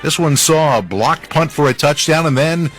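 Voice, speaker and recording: A man's voice: a little high, normal speed, fairly bright tone, soft background music. A man hosting a radio football roundup, narrating scores in a punchy, informal way with conversational asides. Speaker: sports radio highlights host.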